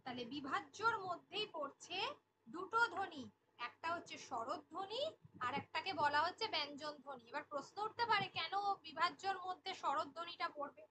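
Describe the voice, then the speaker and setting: A woman's voice: very high voice, fairly quick, noisy background. A woman teaching an online exam-prep class, repeating each key definition and asking the class questions. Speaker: Bengali teacher.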